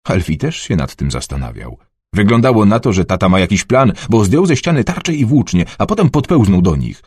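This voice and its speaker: A man narrating an adventure novel in a dramatic, expressive storytelling manner. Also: lowish voice, brisk, breathy edge, dry recording, studio quality. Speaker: audiobook narrator.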